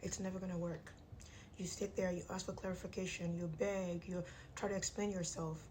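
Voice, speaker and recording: A woman's voice: lowish voice, flat delivery, brisk, a little mellow, a little hiss or hum. A woman in her thirties gives blunt, emphatic advice straight to the audience, speaking through clenched teeth because her jaw is wired shut. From Nigerian immigrant household. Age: 30s. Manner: emphatic, blunt, repeats key phrases for emphasis. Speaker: vlogger giving self-help advice. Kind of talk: direct-to-audience motivational advice talk.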